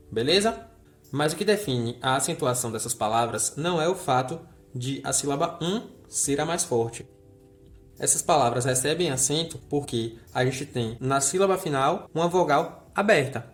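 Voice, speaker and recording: A man's voice: medium pitch, expressive, moderate pace, faint music behind. A man teaching a recorded grammar lesson. He explains step by step in a friendly way and checks in with the viewer often.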